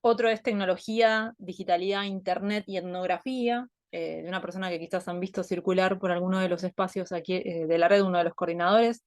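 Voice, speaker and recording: A woman with a lowish voice and an Argentine Spanish accent gives an online talk as an anthropologist over a video call. She thinks aloud, with many fillers and restarts. The sound is dry and close, with no room around it. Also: fairly even intonation, fairly quick, hardly any pauses, dry recording. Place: home, Buenos Aires.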